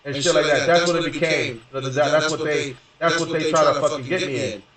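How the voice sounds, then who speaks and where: Fairly quick and a bit bright, a young gaming streamer from Houston, Texas, with a somewhat high voice rambles profanely through a long personal story, full of fillers and restarts, often returning to "you know what I mean." He's far from the mic, and the room echoes heavily.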